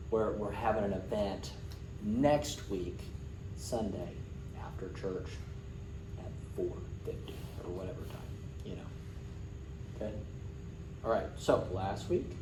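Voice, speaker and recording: A man with a fairly low voice teaches a class in a casual way, repeating short phrases and pausing to check understanding. He is picked up from a distance in an echoey room, with clear noise behind him. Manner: patient, repeats key words, checks understanding. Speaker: sign language class teacher. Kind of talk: informal classroom instruction. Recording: roomy, distant mic with clear background noise.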